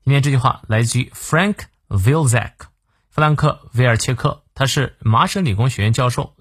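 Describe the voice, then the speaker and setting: A man's voice: mid-range voice, no echo, studio quality. A man hosting a daily English lesson podcast, explaining a quote phrase by phrase and switching between English and Chinese. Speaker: English teacher, podcast host.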